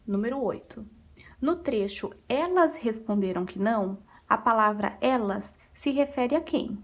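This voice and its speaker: A Brazilian woman teaching young pupils in a recorded lesson, going through exercises one by one. Her voice sits a little high, and she talks patiently, posing questions and answering them herself. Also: lively intonation, measured pace. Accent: Brazilian Portuguese. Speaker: primary school teacher.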